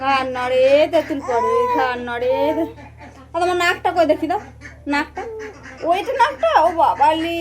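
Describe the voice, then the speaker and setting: A woman's voice: high-pitched, animated, moderate pace. A woman talking playfully to a baby in coaxing, sing-song baby talk.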